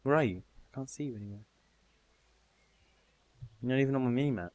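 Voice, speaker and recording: A man's voice: medium pitch, fast talker, darkish tone, no echo. A man hosting casual gaming commentary, swearing freely, laughing often and reading game text aloud. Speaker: gamer host.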